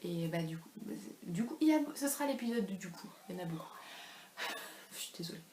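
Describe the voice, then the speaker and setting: A woman's voice: on the low side, expressive, brisk, darkish tone. Rambling woman chatting about knitting at home. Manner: rambling, self-deprecating, many fillers. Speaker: knitting podcast host. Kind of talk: casual chat. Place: home room. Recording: echoey room with faint ambient noise.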